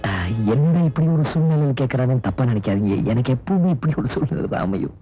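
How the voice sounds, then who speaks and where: A man's voice: medium pitch, expressive, fast, mellow, husky, soft background music. An actor playing an earnest newspaper reporter in a 1990s film, persuasive with his boss and polite with strangers. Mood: courteous. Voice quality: earnest, persuasive, playful with a child.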